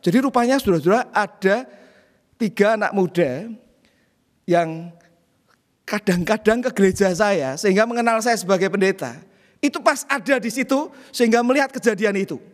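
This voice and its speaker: A male pastor delivers a sermon, weaving in a personal story and repeatedly addressing his listeners as brothers and sisters. His voice sits high for a man, and a long reverb from the church hall trails behind his words. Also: lively intonation, normal speed. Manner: storytelling, often addressing the congregation as "saudara-saudara".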